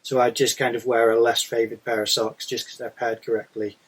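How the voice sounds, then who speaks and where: A man's voice: mid-range voice, flat delivery, a little fast, slightly rough. A British man chatting casually as a podcast co-host, explaining himself in a rambling way. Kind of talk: casual chat.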